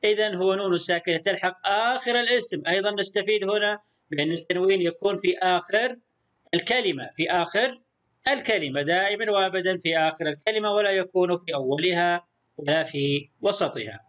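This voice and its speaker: A male primary school teacher with a high-pitched, slightly bright voice gives a recorded lesson. He's patient, repeating sounds slowly and praising the pupils often.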